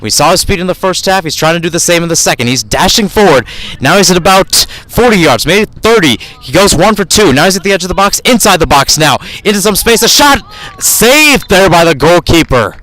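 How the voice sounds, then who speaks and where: On poor-quality audio, a man calls a soccer match live for radio in a high-pitched, expressive voice that is fairly quick, bright and forceful. His running description of the play is peppered with frequent self-corrections.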